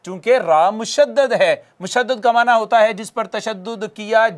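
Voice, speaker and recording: A man teaching Quran recitation, patiently correcting and chanting drawn-out demonstration words for students to repeat. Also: high-pitched. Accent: Pakistani Urdu. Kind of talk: recitation lesson with call-and-repeat.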